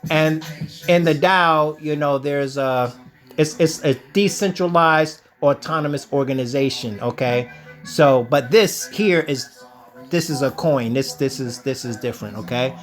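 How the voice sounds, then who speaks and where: A self-assured man in a slightly raised voice lectures viewers through a crypto screen-share, calling them "ladies and gentlemen" and checking in with a steady "okay?". He styles himself a teacher and talks down a little. Faint music plays under him. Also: on the high side, unhurried. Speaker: crypto channel host.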